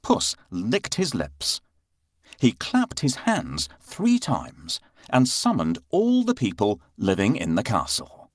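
Man reading a bedtime story nice and slow, pitch jumping all over, dry close mic. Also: no echo. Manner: slow and expressive, with playful sound effects. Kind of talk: bedtime story narration for children.

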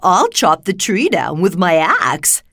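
A woman voicing a kindly, helpful tin man in a storybook, earnest and deliberate. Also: fairly low pitch, huge pitch swings, sharp tone, no echo, clean studio sound, full character voice. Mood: reassuring.

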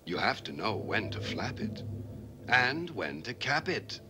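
An actor playing a pompous, domineering middle-aged company boss who lectures condescendingly in a film comedy. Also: male voice, lowish voice, sing-song, takes it slowly, music in the background.

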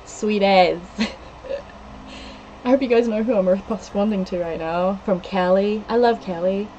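The sound is dull with a little hiss or hum, and her medium-pitched voice is mellow and a little slow. A New Zealand-accented woman in her thirties, she giggles frequently while casually chatting on a game stream, reading viewers' comments and listing the places they mention, using a headset in a small room.

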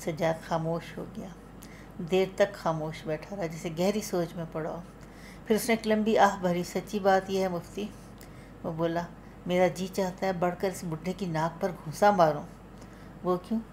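Woman, Pakistani Urdu accent, low pitch, dramatic audiobook storytelling, faint background hum. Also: steady tone, moderate pace, a little mellow. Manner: dramatic, voices the characters' cries with rising force. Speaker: audiobook narrator. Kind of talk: literary storytelling narration.

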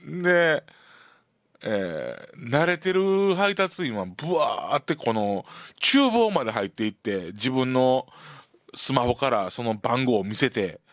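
A man's voice: medium pitch, slow, no echo, studio quality. A man with a Kansai accent hosting a radio show, telling a casual story and acting it out with sound effects. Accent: Kansai Japanese. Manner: animated, full of sound effects and acted-out voices. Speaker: radio host. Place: community radio studio.

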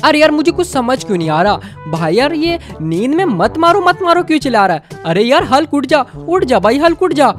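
A woman's voice: high voice, big pitch swings, brisk, hardly any pauses, soft background music. A woman voicing a casual young male friend in a game story, chatty and exasperated. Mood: puzzled. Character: Franklin, easygoing young male buddy, puzzled.

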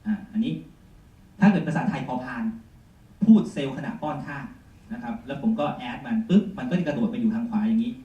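A male teacher giving a chatty software demonstration lesson, full of polite particles. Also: medium pitch, brisk, dull audio. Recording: echoey room, mic far off, faint noise.

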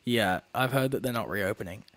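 A man's voice: on the low side, fairly quick, fairly bright tone, no echo. Podcast co-host, male, loose casual chatter, dry close mic. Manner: chatty, laughs often, trails off with fillers. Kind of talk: casual chat.

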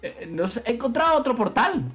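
Young man, Spain Spanish accent, lively swinging pitch, excitable gaming chat, faint music behind. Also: a little fast. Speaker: gamer in a duo gameplay video. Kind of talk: casual gameplay commentary.

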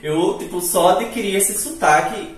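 Cooking indoors in a tiled kitchen, this young man from Natal keeps up a chatty, giggly vlog in a high-pitched voice at a moderate pace. His northeastern Brazilian speech sounds Recife-like, with sibilant s sounds. Picked up by a camera a few feet off, the sound bounces around the room.

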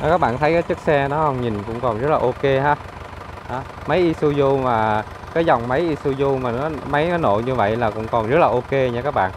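A used car dealer with a Southern Vietnamese accent speaks briskly in a mid-range voice. He gives a casual, chatty, upbeat walkaround of a vehicle while an idling engine and ambient clatter fill the recording.

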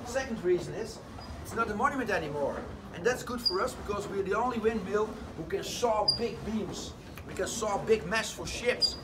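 The recording is noisy and the voice far away: a windmill guide, a man with a high-pitched voice, talks at normal speed to a tour group inside a big wooden sawmill. He tells a lively story in slightly broken English.

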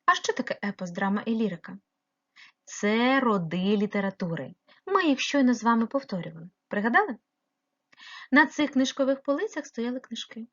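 Female primary teacher, patient and questioning, breathy voice, muffled recording. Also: on the high side, sing-song, brisk, fairly bright tone. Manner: patient, questioning, explaining step by step. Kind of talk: remote lesson narration.

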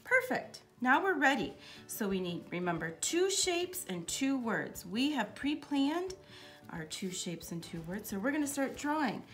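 Female kids' art teacher, 30s, very lively exaggerated intonation, music behind her. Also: fairly high pitch, measured pace. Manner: animated, exaggerated sing-song intonation. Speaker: children's art teacher, host. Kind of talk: upbeat art tutorial for children.

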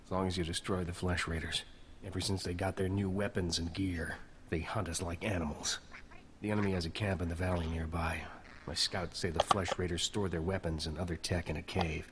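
A man's voice: deep voice, little pitch movement, a little fast, fairly bright tone, slight background noise. An actor playing a grim, blunt male scout chief in a video game. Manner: blunt and practical. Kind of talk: game voice acting.

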